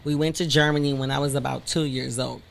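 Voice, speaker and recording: A woman from Detroit, a content creator, telling her story in a frank, animated interview chat. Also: extremely low pitch, fast, vocal fry. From Detroit, Michigan.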